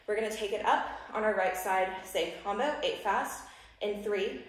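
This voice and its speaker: A woman's voice: medium pitch, moderate pace. A young woman working as a fitness instructor, giving workout directions and clipped counted cues while exercising. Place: large living room, indoors. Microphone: distant camera microphone across the room. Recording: very echoey room, distant camera mic.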